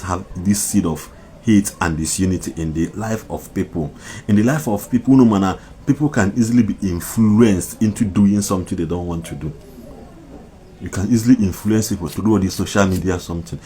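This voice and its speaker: Deep-voiced man, impassioned commentary. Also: dark tone, slight background noise. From Nigeria. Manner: mixes Igbo and English, repetitive, emphatic. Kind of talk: impassioned social media commentary.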